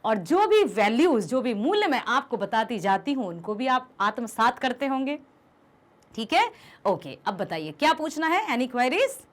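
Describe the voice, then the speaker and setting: A young woman teacher giving a lively revision lesson, asking her students questions and explaining patiently. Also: fairly high pitch, unhurried. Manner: addresses students affectionately as "beta". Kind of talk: Hindi class revision lesson.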